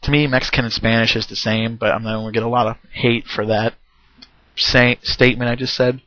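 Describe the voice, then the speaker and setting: Male home game reviewer, casual and rambling, throat-clearing, lo-fi dry recording. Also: medium pitch, little pitch movement, fairly quick, pushed and bright, dry recording. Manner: rambling, with many fillers and restarts.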